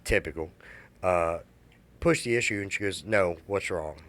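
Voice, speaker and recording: A man in his thirties telling a candid personal story, halting and emotional, with many restarts. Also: low-pitched, fairly bright tone.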